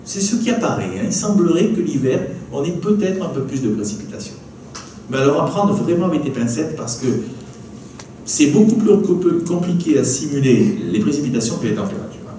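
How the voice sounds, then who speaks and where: A man's voice: a little high, lively intonation, brisk, dark tone. A man with a southwestern French accent, giving a public lecture on slides in a chatty way, often adding "hein" and "d'accord". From southwest France. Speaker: meteorologist giving a public talk. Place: archive building lecture room. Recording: echoey room, from a distance, faint noise.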